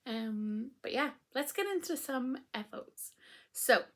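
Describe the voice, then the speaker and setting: Still croaky after being ill, this woman hosts a casual knitting podcast, talking chattily and rambling with many ums. Her voice sits high with lively intonation, and she speaks a little slowly.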